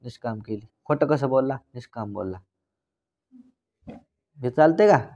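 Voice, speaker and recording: A man teaching a religious scripture discourse, posing questions to his listeners and answering them himself, and slowly reciting Sanskrit passages. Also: medium pitch, expressive, mellow. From Maharashtra. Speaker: Vedanta teacher. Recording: dull lo-fi recording.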